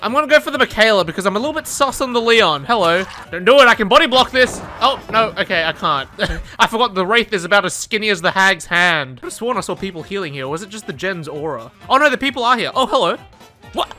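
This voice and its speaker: High, lively excitable man gaming. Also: quick pace, faint music behind. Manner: excitable, profane, laughs often. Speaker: gaming YouTuber. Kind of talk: casual gameplay commentary.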